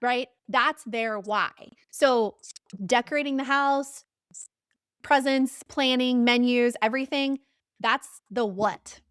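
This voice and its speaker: A woman's voice: on the high side, slow, fairly bright tone, clear, resonant tone, dry recording, studio quality. A young adult woman speaking as a podcast guest and coach, emphatic and repeating key phrases for effect. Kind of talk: conversational podcast interview.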